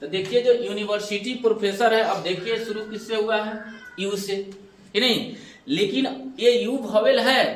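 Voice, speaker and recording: His voice sits high and a bit bright, with a little hiss or hum on the recording. The man teaches English grammar step by step, raising questions and answering them himself and calling students "babu," heard from a distance in an echoey room.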